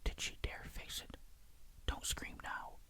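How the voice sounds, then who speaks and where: A storyteller reading a ghost story in a breathy, hushed, suspenseful whisper, in ASMR style. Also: slow pace.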